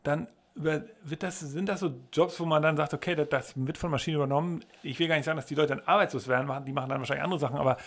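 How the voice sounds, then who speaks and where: A man hosts a podcast interview in a voice that sits fairly high for a man. His questions are long and wander as he talks. He often breaks off and starts his sentence over. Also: fairly even intonation, racing, few pauses, fairly bright tone. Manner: long rambling questions with restarts. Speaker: podcast host.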